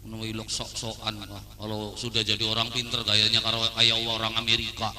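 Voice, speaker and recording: Man, humorous preacher, acts out dialogues, bright ringing voice, echoey PA sound. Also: fairly low pitch, completely flat delivery, fairly quick, a little hiss or hum. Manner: acts out dialogues, sings folk songs. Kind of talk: humorous sermon. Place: outdoor wedding reception stage.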